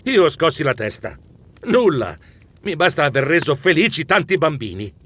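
A man narrating a children's story with lively expression, squeaking when excited. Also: normal speed, breathy edge, dry recording. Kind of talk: animated audiobook narration.

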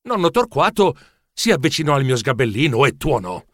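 A man narrating a children's story in an animated, expressive way. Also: medium pitch, fairly quick, no echo, clean studio sound. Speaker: audiobook narrator.

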